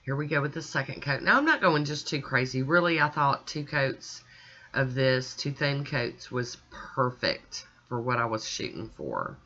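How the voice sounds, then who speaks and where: A woman's voice: extremely low pitch, lively intonation, moderate pace, sharp tone, dull audio. A woman chatting casually as she talks the viewer through her nail art, step by step. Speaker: nail art channel host.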